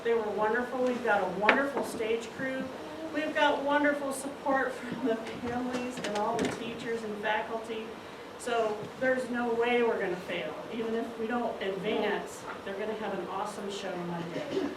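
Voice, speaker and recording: A school play director gives an encouraging, enthusiastic, informal speech to the audience before a show. Her voice is fairly high and moderately paced, picked up by a distant mic in a large room, so the recording is roomy and noisy.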